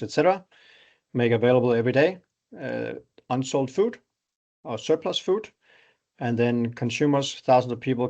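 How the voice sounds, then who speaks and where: A middle-aged Danish man with a Danish accent pitches his startup in an online webinar, explaining things conversationally and offering examples along the way. His voice has a darkish tone, and the audio sounds lo-fi.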